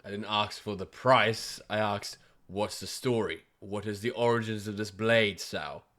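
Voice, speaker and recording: A man's voice: lowish voice, measured pace, sharp tone. A man voicing a pushy, mock-polite male adventurer in a tabletop game. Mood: needling. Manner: sarcastic, needling.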